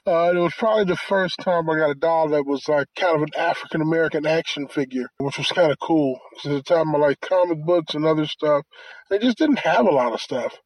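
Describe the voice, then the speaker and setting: Husky, higher-voiced man chatting on a phone recording. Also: fairly quick, no echo. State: tired. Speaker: podcast co-host. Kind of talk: casual chat. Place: inside a car. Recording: low-quality phone recording in car.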